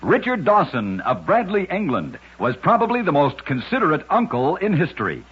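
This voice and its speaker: On a dull lo-fi old radio recording, a radio narrator of oddity stories tells scripted short stories with emphatic, dramatic flair. His fairly high voice is sing-song with a breathy edge, moving at a moderate pace.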